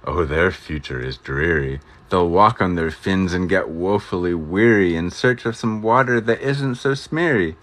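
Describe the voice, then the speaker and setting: A man's voice: sits low, unhurried, few pauses, a bit bright. A man voicing a grumpy small male forest creature, scolding and indignant in a storybook reading.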